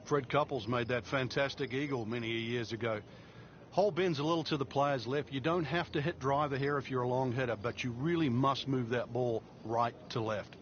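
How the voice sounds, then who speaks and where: A man working as a golf commentator, giving measured, explanatory analysis of the play. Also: medium pitch, steady tone. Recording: dull lo-fi game audio, faint noise.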